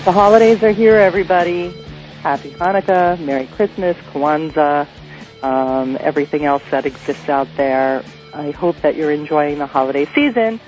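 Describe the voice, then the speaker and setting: A woman's voice: sits low, moderate pace, a little mellow, faint music behind. An American woman hosting a chatty radio interview, sounding nasal and congested with a cold. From New York, USA. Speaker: radio show host. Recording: thin phone-line radio sound.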